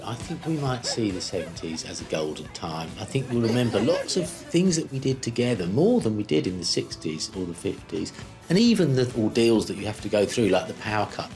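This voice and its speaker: A man talking in a jokey, playful way about his family's meals. His pitch swings widely and freely. Clear music plays underneath. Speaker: father in a family food experiment. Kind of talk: casual chat.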